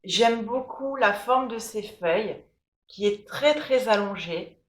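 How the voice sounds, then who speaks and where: A woman's voice: on the high side, slow. A woman giving an enthusiastic, chatty tour of her houseplants, with plenty of fillers. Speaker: plant vlogger. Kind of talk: casual plant tour. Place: room at home. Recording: echoey room.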